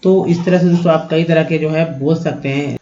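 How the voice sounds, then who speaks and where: A man's voice: on the high side, steady tone, moderate pace, mellow. A man teaching English pronunciation to beginners, patiently explaining step by step and addressing listeners as friends. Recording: roomy, dull lo-fi sound.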